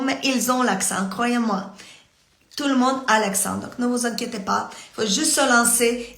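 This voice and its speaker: A woman's voice: fairly high pitch, a bit bright. Hesitant woman teacher, echoey room. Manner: halting, many fillers and restarts. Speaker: English teacher coaching parents. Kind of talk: live-stream lesson.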